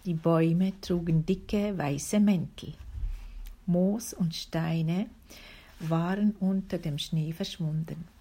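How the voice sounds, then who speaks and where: A woman calmly reading a children's book aloud, slowly and deliberately. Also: on the low side, slightly rough. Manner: slow, calm, deliberate reading. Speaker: reader.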